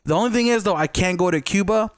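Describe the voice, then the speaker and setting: A man's voice: high-pitched, fast talker, dry recording, studio quality. A young man hosting a casual podcast, a native Spanish speaker raised near the Mexican border, joking and teasing his guest. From born in Los Angeles, raised in Baja California. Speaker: podcast host.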